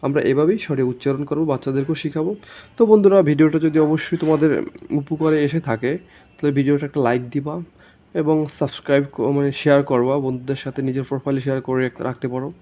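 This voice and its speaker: A man's voice: medium pitch, steady tone, fast. A man teaching letter pronunciation in a casual video lesson, speaking informally to viewers as friends and restarting words mid-phrase. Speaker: English teacher. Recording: dull lo-fi sound.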